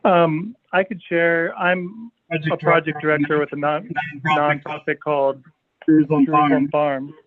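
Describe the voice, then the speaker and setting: A man working as a nonprofit project director, speaking haltingly at a public hearing over a clipped phone line that keeps cutting out. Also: fairly high pitch, fairly even intonation. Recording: tinny phone line, dry, crowd noise.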